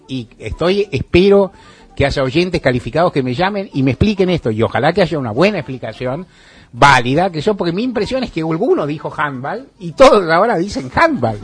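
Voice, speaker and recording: A man's voice: on the high side, big pitch swings, normal speed, breathy edge. A man hosting a radio talk show in Argentine Spanish, musing in a wry, ironic way and chuckling as he talks. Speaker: radio host. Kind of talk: casual radio monologue.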